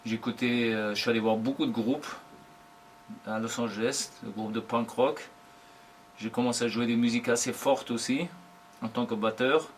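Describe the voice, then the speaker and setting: A man in his forties, a professional drummer, giving unhurried, thoughtful interview answers in short broken phrases. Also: medium pitch, fairly even intonation, a little hiss or hum. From Germany.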